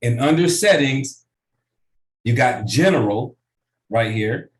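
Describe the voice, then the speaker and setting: A man coaching a business group through a software tutorial on a video call, casual and often checking in with "right?". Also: mid-range voice, lively intonation, slow pace, echoey room. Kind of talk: online tutorial training.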